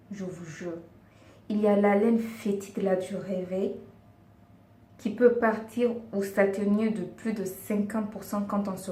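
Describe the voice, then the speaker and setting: Mellow and mid-range, her voice carries earnest, coaxing beauty advice through a casual vlog, with viewers frequently addressed as girls. She's a beauty and lifestyle vlogger, speaking a second language and occasionally searching for words. The mic sits far off in an echoey room, with a faint hiss underneath.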